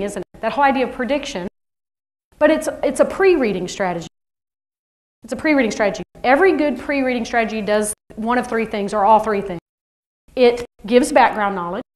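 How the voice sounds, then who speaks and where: Brief: woman teacher trainer, higher voice, animated workshop delivery. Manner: lively, animated, acts out kids' voices. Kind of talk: workshop presentation.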